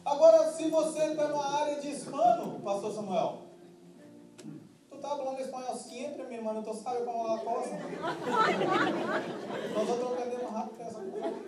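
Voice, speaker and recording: A pastor from Minas Gerais preaching a sermon in a Minas Gerais accent, humorous and emphatic, telling stories. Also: male voice, very high voice, normal speed, pauses often, a loud crowd, very noisy. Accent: Minas Gerais Brazilian Portuguese. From Minas Gerais, Brazil. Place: church hall before a congregation. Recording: echoey church hall, distant mic, music and congregation.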